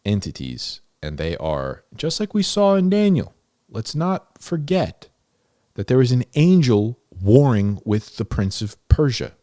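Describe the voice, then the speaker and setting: In a clean studio recording with no echo, a man with a mid-range, dark voice teaches the Bible informally and without a script. As host of a Bible-explainer series, he speaks unhurriedly and conversationally, with big pitch swings, emphatically repeating key phrases for stress.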